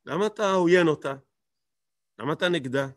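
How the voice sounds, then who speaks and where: A man with a fairly high voice teaches a Torah lesson. He stresses his points by repeating words and firing rhetorical questions. The sound is dry and close. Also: expressive, no room sound.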